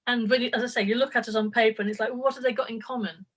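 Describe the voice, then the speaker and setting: Interviewed by video call, an older writer talks in a warm, open way, laughing frequently and wandering through her thoughts with plenty of fillers. Her voice sits a little high and fairly bright, steady in tone, and she speaks rapid-fire.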